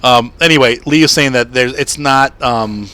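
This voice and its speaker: A gaming channel host in his thirties livestreams a driving game from home, chatting casually at a moderate pace with lots of ums and soft laughs. His voice is ordinary in pitch for a man, with a bright, tense edge and a faint crackly roughness.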